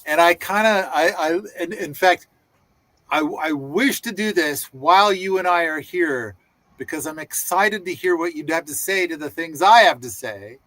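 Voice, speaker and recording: A man's voice: on the high side, lively intonation, moderate pace, sharp tone, dry recording. A man hosting a casual panel discussion, enthusiastic and rambling with many restarts. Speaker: host.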